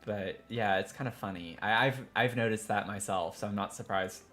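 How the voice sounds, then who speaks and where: Southern guy streaming, kinda low voice, rambly and restarts a lot, faint music behind. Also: normal speed, a bit bright. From Tennessee, US. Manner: rambling, self-interrupting, chatty with viewers. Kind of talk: casual live-stream chat while building in a game.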